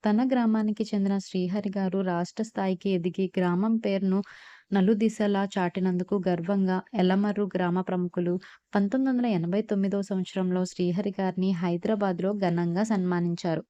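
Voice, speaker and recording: Mellow woman reading a scripted biography. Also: medium pitch, a little fast, no room sound, dull audio. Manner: steady, even reading of facts and long lists. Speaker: narrator.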